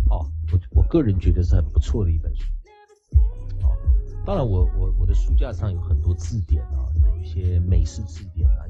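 A man's voice: low-pitched, dark tone. A man, raised in the United States, giving a chatty lecture on pronunciation as an English teacher. He keeps asking his listeners "right?" and mixes English words into his speech. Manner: chatty, asks rhetorical "right?", drops English words into the Chinese. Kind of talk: casual lecture. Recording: slightly dull recording with faint music.

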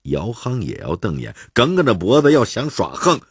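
Husky Beijing storyteller man. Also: medium pitch, moderate pace, no echo, studio quality. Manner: lively, expressive storytelling. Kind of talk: radio novel reading.

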